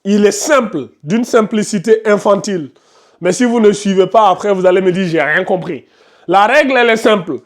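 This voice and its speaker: Guy teaching quran recitation to a class, high voice, repeats stuff a lot, tells the kids to shut up. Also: a little fast. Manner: firm, scolds chatty students and asks the class questions; explains patiently with many repetitions. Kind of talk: classroom tajwid lesson.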